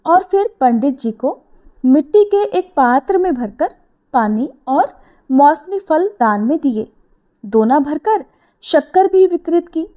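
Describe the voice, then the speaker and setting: A woman narrating a devotional story in a gentle, expressive storytelling manner, voicing the quoted lines herself. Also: sits high.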